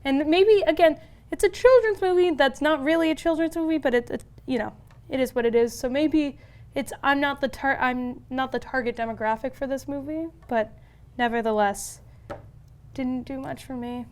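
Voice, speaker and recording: A young woman co-hosting a casual film podcast, critiquing the movie in an animated, exasperated way. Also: high voice, moderate pace. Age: young adult. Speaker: podcast co-host. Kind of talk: casual chat.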